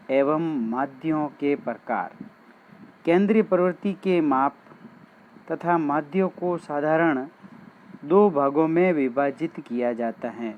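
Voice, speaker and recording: A male maths teacher giving a classroom lesson, talking straight to his students and explaining each step. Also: fairly high pitch. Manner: addresses students directly, slow and explanatory. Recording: dull lo-fi sound with faint background noise.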